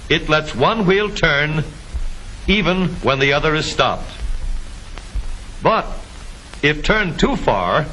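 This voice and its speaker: A man narrates a vintage 1950s educational film in a bright, forceful voice with very lively intonation. He explains step by step in scripted, deliberate phrases. The old soundtrack carries a faint hiss. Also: on the high side, poor audio.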